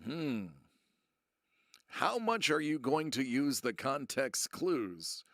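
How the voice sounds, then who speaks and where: Playful game show host with gravelly voice. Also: male voice, mid-range voice, big pitch swings, a bit bright, no echo, clean studio sound. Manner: playful, drawn-out dramatic reveals; chatty asides to viewers in chat. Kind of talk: live-streamed trivia game show hosting.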